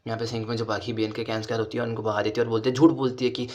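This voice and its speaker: Male recap narrator: rapid, casual, monotone storytelling. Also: mid-range voice, slight background noise. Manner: rapid, run-on retelling.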